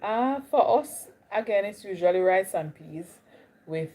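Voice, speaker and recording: A livestream host with a medium-pitched, dark, animated voice chats casually with viewers at a measured pace, greeting them as her speech drifts across Caribbean accents. She is a young woman with a Jamaican accent, and the recording is rough.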